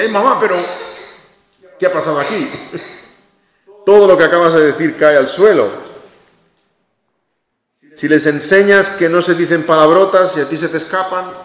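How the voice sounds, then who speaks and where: A man preaching a sermon in a church hall, emphatic, repeating his key phrases and acting out short quotes. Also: on the high side. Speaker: pastor. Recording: echoey hall with long reverb.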